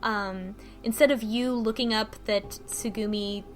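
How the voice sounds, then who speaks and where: On a podcast, a woman casually recaps a visual novel, rambling with lots of ums and restarts and laughing often. Her mid-range voice is steady and unhurried.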